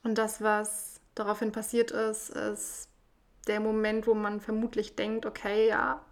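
A woman telling a personal story in a reflective, measured way, with frequent pauses. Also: mid-range voice, monotone.

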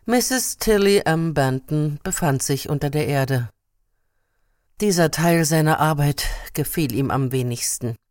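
A reader narrating an excerpt from a novel in a measured way. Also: mid-range voice, a little mellow, dry recording, studio quality. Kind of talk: scripted narration.

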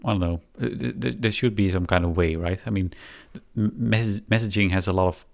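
A man's voice: low-pitched, a little fast, gravelly. A man co-hosting a podcast in casual chat, talking hesitantly with restarts and frequent laughs. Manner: hesitant, many restarts and fillers, laughs often. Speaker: podcast co-host.

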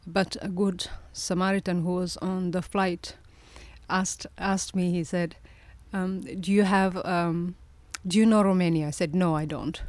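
A woman in her forties from Somalia speaks as an interview guest, her voice sitting fairly low. She tells her story reflectively, circling back on words and laughing softly now and then. The sound is close and dry, with no room around it. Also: steady tone, a little slow, no room sound. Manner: reflective, with frequent restarts and soft laughs. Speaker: guest, presidential candidate.

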